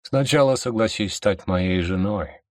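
A man's voice: fairly low pitch, unhurried, a little mellow, dry recording, studio quality, pitched above the performer's own voice, close to an everyday voice. A man reading an audiobook and voicing a cold, indifferent young king who hisses his threats. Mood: cold menacing. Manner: cold, hissing.

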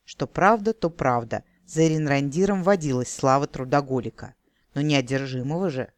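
A man's voice: mid-range voice, moderate pace, no echo. Man narrating a wry fantasy audiobook.

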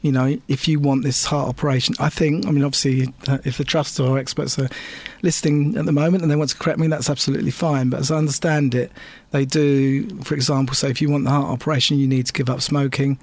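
A man's voice: medium pitch, level tone, no room sound. A man giving careful, hedged views in a radio studio discussion. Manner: measured, hedging, full of fillers. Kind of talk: casual studio debate.

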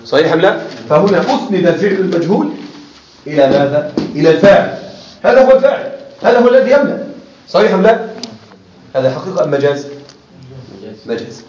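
High-voiced man teaching in an echoey classroom. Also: expressive, a little mellow. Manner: asks students often if they follow; repeats words slowly for emphasis. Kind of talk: classroom lecture on Arabic rhetoric. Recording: echoey classroom with faint noise.

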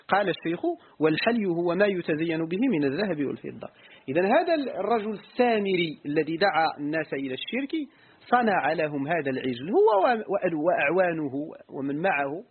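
A man with a Moroccan Arabic accent teaching Quran exegesis, explaining slowly, repeating words and putting questions to his class. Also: high-pitched, slightly rough. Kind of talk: classroom lesson on a text. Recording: phone-like lo-fi recording.

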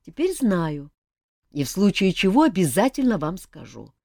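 A woman's voice: on the low side, moderate pace, no room sound, clean studio sound. A woman reading as a cheeky male jester. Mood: pleading. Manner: animated, teasing, pleading. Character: young male court jester, lively and cheeky. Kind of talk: audiobook reading.

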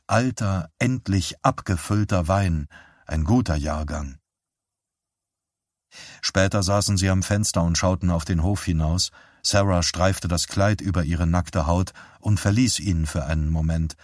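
A male audiobook narrator reads in a calm, measured way. His voice is very deep, with a husky edge. The recording is dry and close, with no room echo. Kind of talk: scripted narration.

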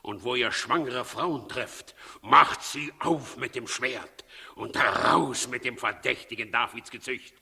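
Harsh, husky tyrant King Herod. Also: medium pitch, unhurried, sharp tone, heavily acted. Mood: furious, commanding. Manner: commanding, declamatory, menacing. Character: ruthless, brooding, aging King Herod, a bloodthirsty tyrant. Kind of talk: 1960s German radio drama acting. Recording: reverberant hall, 1960s radio studio.

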